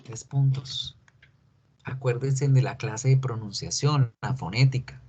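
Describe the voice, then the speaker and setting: A man teaching an English grammar class in Spanish, explaining slowly and patiently and putting questions to his students. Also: mid-range voice, a little mellow, slight background noise. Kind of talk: online class lecture.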